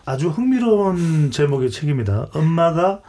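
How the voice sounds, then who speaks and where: A man's voice: a little high, sing-song, normal speed, warm tone. A man hosting a broadcast panel discussion as moderator, introducing guests and putting questions to them. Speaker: host, debate moderator.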